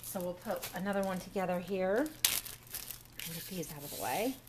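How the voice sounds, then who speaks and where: This is a casual kitchen demo from a cooking vlogger whose voice sits on the low side and moves at a moderate pace. She chats through the recipe step by step at her home counter. The camera mic records it with background noise.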